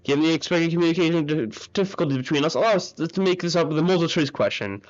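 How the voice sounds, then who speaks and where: A man's voice: on the high side, quick pace, lightly acted. A man voicing a cold, condescending male researcher who talks in a formal, lecturing way, heard on muffled audio with faint game music.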